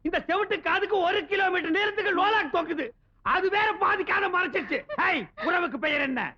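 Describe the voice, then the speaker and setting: An actor playing a blustering husband who shouts threats in comic film dialogue. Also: male voice, very high voice, brisk. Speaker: angry husband. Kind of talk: 1990s film comedy dialogue. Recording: dull old film soundtrack.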